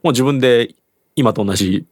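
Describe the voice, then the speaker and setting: A man's voice: mid-range voice, moderate pace, darkish tone, dry recording, clean studio sound. A young man co-hosting a radio show, easygoing, reading out listener names. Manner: easygoing, reads listener names and laughs often. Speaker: radio co-host. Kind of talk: casual podcast banter.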